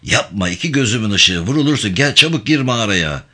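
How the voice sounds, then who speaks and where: A man's voice: fairly low pitch, expressive, a little fast, bright, forceful tone. A man voicing a loyal male rifleman who pleads tenderly with his old master. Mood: pleading.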